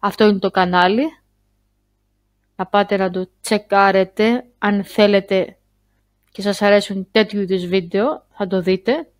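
A woman talking casually to her viewers in a vlog, chatty and halting, full of fillers and restarts. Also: medium pitch, steady tone, dry recording. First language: Greek. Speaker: YouTuber. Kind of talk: casual screen-share vlog.

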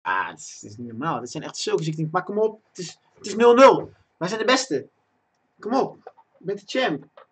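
A young man giving live commentary on his own football game, chatting to viewers and breaking into loud excited yells at big chances. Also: sits high, normal speed, slight background noise. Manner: talks to himself and chat, bursts into loud excited shouting at chances. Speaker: gaming streamer. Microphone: desk microphone.

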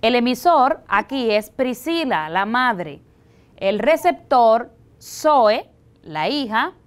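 Slow, deliberate Dominican woman teacher. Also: on the high side, sing-song, smooth. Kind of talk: televised language lesson.

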